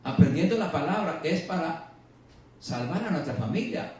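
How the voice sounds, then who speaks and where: Preacher guy, kinda high voice, sermon in a super echoey room from far off mic. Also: expressive, darkish tone, slight background noise. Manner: slows and rises to stress scripture, then drops low. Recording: echoey, distant church radio recording.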